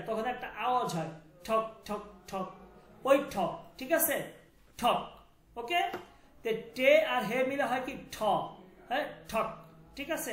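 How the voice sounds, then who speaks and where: A man's voice: very high voice, fairly bright tone, reverberant. Man teaching letter sounds. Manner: repeats each sound and asks the class to confirm. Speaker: language teacher.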